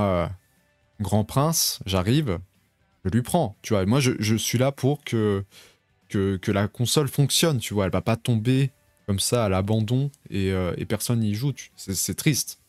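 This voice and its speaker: Young male streamer, rambling and chatty at home, slightly low voice, dry close mic, faint music behind. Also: a little mellow, no echo. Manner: rambling, chatty, talks to viewers in chat. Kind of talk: casual live stream chat. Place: home bedroom.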